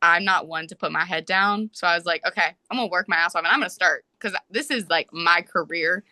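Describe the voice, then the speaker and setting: A young woman and soccer player, a podcast guest, telling a story in casual, animated talk full of "like"s. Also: lowish voice, dry recording. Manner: animated, fast storytelling with many "like"s.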